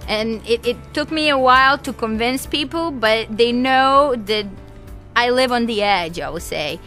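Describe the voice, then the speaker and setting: A woman's voice: fairly high pitch, lively intonation, a little slow, pushed and bright, faint music behind. A woman in her twenties from Serbia, talking casually in an interview and laughing easily. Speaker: interviewee, aspiring skeleton athlete.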